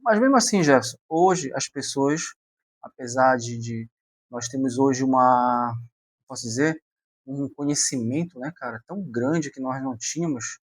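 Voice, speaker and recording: A man's voice: medium pitch, moderate pace, dry recording. A man hosting a podcast, chatting casually, asking questions and joking with his guest. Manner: chatty, asks questions, jokes. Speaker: podcast host.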